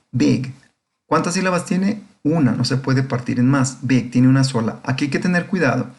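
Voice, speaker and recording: Gravelly-voiced man teaching grammar. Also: medium pitch. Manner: patient, checks understanding with frequent questions. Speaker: English teacher. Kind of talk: recorded grammar lesson.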